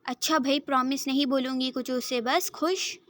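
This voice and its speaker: A woman's voice: high voice, steady tone, normal speed. Woman playing a doting, forgiving mother. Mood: soothing, teasing. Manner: warm, soothing reassurance.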